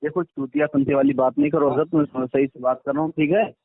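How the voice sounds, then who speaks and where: A man's voice: fairly high pitch, big pitch swings, fast talker, vocal fry, dry recording. A man on a phone call who keeps cutting in and insisting on being heard. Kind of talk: heated phone argument. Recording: tinny phone line, dry.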